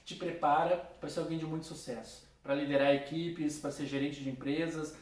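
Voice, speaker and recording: A man gives a casual philosophy lecture, speaking directly to his students, recorded from a distance in a roomy space. His voice is on the high side and darkish, with little pitch movement and a moderate pace.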